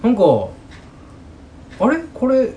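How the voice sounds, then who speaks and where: A man's voice: extremely high pitch, slow, warm tone, lo-fi sound, a little hiss or hum. A man with a Kansai accent chatting casually and colloquially, emphatically acting out little snatches of dialogue as he goes. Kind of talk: casual chat.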